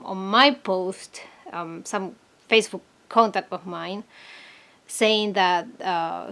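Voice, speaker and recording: An Argentinian woman vlogger talks casually to the camera for her viewers in a mid-range, slightly bright voice. She sounds hesitant, searching for words, and comes across as earnest and troubled.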